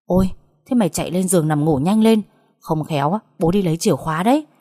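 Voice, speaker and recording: A woman voicing a blunt, sharp-tongued older stepsister who scolds roughly on the phone. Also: lowish voice, quick pace. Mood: scolding. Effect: heard over a phone call.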